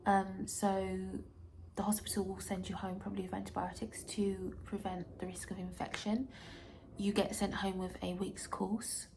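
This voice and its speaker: A woman speaks casually to her vlog viewers while recovering from tonsil surgery. Her throat is dry and sore, and her medium-pitched voice crackles with vocal fry. She talks haltingly, pausing often as she goes. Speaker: vlogger. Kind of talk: casual personal health vlog.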